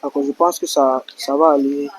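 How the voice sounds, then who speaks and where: A man's voice: on the high side, fairly even intonation, normal speed, poor audio. A man hosting an interview who talks reassuringly and addresses viewers directly. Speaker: YouTube channel host.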